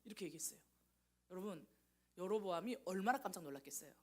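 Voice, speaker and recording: A woman missionary preaching a lively sermon to young people, telling the story with animation and teasing listeners by name. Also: lowish voice, quick pace.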